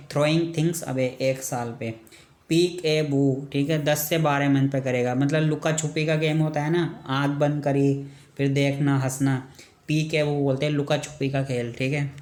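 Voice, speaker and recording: A man giving an exam-prep medical lecture. He asks each question, answers it, then repeats it to drill it in, closing points with a quick check. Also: mid-range voice, reverberant. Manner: ends points with a checking "ठीक है".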